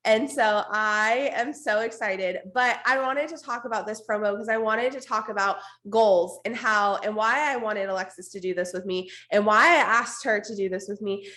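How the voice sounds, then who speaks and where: A woman with a hoarse, raspy, strained voice gives an informal, emphatic, unscripted motivational team talk on a video call. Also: mid-range voice, moderate pace, few pauses, pushed and bright. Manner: informal, emphatic, repeats for stress, blunt. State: hoarse, losing her voice, coughing now and then. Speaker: network marketing team leader hosting an online meeting.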